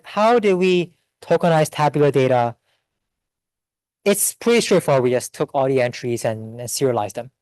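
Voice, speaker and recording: A man giving a seminar talk and answering audience questions in a quick, think-aloud way with restarts. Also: mid-range voice, a little mellow, no room sound. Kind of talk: academic Q&A.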